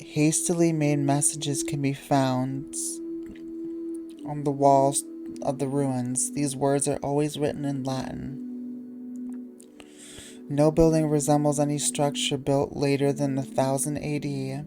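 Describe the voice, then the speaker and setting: Very low, flat, sleepy woman reader. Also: music in the background. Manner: halting, stumbles and restarts words. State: sleepy, yawning. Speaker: channel host reading wiki entries. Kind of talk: unscripted reading aloud.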